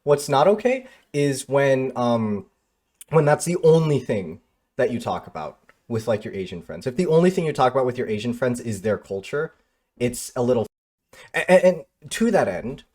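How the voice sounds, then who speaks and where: A young man livestreams in a loose, conversational way, speaking candidly and cursing casually. His voice sits at a mid pitch but swings up and down with lively intonation as he reacts to chat. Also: moderate pace. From Michigan, United States. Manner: candid, frustrated, swears casually, answers chat.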